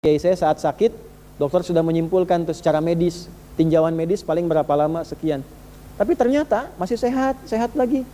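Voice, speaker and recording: A man preaches a sermon in a fairly high, mellow voice. He talks to his listeners directly and conversationally, hammering his points home with repeated rhetorical questions. A faint hum sits behind him. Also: fairly quick, long reverb tail.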